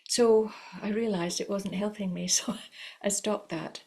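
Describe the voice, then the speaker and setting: A middle-aged woman teaches violin in a calm, unhurried voice, coaching her listeners with patient encouragement. Her pitch sits in an ordinary middle range, and her talk runs loose and conversational, full of small fillers. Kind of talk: spoken lesson to camera.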